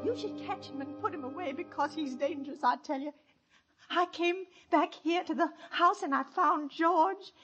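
An actress playing a hysterical, scheming wife who stammers and pleads, in 1940s radio acting. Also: female voice, sits high, moderate pace, lo-fi sound, close to an everyday voice. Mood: defensive. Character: frantic, scheming wife, a narrator recalling her night. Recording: old radio drama with music behind.

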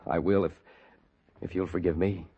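An actor playing an earnest, easily wounded young small-town sweetheart in an old-time radio drama. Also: male voice, deep voice, steady tone, moderate pace, breathy edge, lo-fi sound. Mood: earnest, tender. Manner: earnest, hesitant.

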